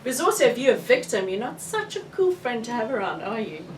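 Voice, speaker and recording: A woman's voice: fairly high pitch, sing-song, fast. A woman with a South African accent, an author speaking frankly and with animation at a book launch event. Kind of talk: candid book launch discussion. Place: bookshop event room. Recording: roomy, distant, with faint room noise.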